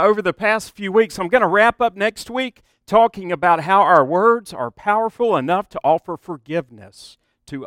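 A middle-aged man delivers a sermon with a high, smooth voice. He talks to the congregation in a conversational way, and his pitch rises and falls widely. The sound is dry and close. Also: no echo. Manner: conversational and animated, with asides to the congregation. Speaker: pastor.

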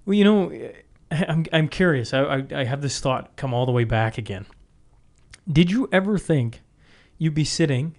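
A man hosting a podcast in casual chat, thinking aloud with halting, repeated words. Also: fairly high pitch, lively intonation. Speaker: podcast host.

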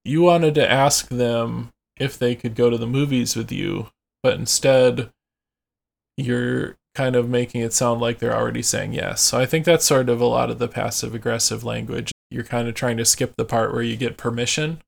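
A man's voice: mid-range voice, steady tone, normal speed, gravelly. A man hosting a podcast in casual chat, reading out phrases and explaining them with lots of fillers. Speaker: podcast host.

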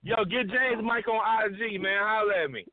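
Hyped podcast co-host on phone-like audio. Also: male voice, sits high, moderate pace. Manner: hypes others, repeats "yo". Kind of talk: casual banter. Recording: phone-like audio with a crowd behind.

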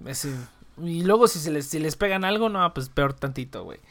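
A woman's voice: low-pitched, expressive, normal speed. A woman with a Mexican accent, live streaming and chatting casually to her viewers in a rambling, slangy, profane way. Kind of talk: casual chat.

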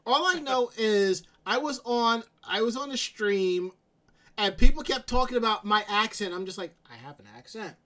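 The stream host, a man with a New York accent, has a high voice and a moderate pace. He chats casually and tells animated stories, acting out his reactions and dropping asides where he quotes himself.

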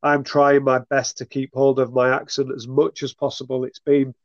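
A man's voice: medium pitch, monotone, moderate pace, no room sound, muffled recording. A man with a Greater Manchester accent, hosting a podcast interview in an informal, conversational way. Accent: northern English, Greater Manchester. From Rochdale, northern England. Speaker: podcast host. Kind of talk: casual interview.

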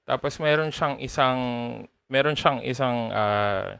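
A man co-hosting a casual podcast, retelling stories in an animated way. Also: mid-range voice, takes it slowly, creaky, smooth, no room sound. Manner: animated storyteller, retells anecdotes with quoted voices. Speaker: podcast co-host. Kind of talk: casual chat.

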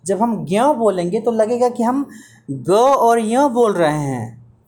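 A man gives a one-on-one Hindi pronunciation lesson, unhurried and deliberate. He patiently drills each sound and corrects his student's mistakes. A faint hiss sits under his voice. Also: sits high, lively intonation, darkish tone. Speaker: Hindi language teacher.

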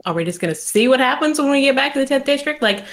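A woman's voice: sits high, expressive, quick pace. Chatty woman playing a tabletop game. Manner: chatty, laughs often, hesitant fillers. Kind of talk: casual in-character play.

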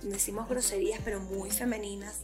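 A woman with a Caribbean Venezuelan Spanish accent and a slightly husky voice, hosting a podcast in a casual, playful, irreverent way. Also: medium pitch, steady tone, brisk, music in the background. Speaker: podcast host.

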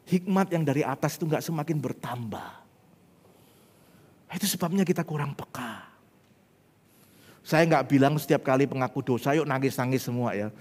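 Male pastor, highish voice, dramatic sermon delivery with whispers and swells, long church-hall reverb. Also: moderate pace, long pauses, husky. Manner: dramatic swings from loud to whispered; acts out prayers and quoted voices.

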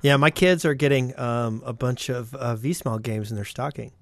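Chill dad on a podcast, short laid-back lines, middle pitch. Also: male voice, moderate pace, gravelly, no echo. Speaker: podcast co-host. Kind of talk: casual chat.

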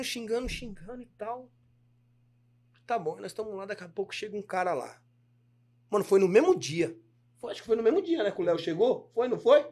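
A man's voice: high voice, darkish tone. A man with a Brazilian Portuguese accent, a podcast guest who tells his stories in slangy casual chat and acts out the dialogue. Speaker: guest, clothing brand owner.

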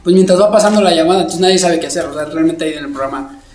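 A man telling a story in a casual podcast chat, animated and full of fillers. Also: a little high, racing. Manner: animated storyteller, acts out quotes, many fillers. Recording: roomy echo.

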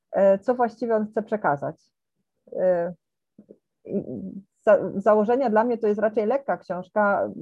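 A woman in a book club discussion, giving frank, measured criticism of a book. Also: medium pitch, dark tone, no echo. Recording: muffled dry lo-fi sound.

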